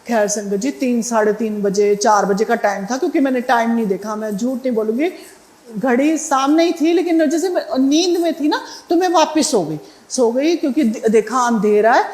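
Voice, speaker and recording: A woman's voice: mid-range voice, darkish tone, reverberant. A middle-aged woman sharing a devotional testimony in a conversational way, with fillers and restarts. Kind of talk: spoken satsang testimony.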